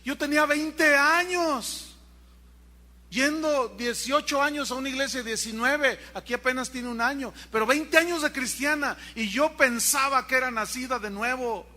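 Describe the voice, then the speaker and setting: A man's voice: very high-pitched, moderate pace, bright, forceful tone, voice pushed up, exaggerated voice. A pastor re-enacting a tearful middle-aged churchwoman who speaks earnestly and emotionally.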